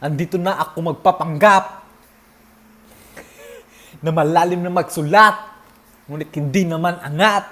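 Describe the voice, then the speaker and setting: A young man with a high, light voice chats casually through a fan reaction video. He gets excitable, laughs often and whoops, then drops into self-deprecating asides. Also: a little slow, long pauses.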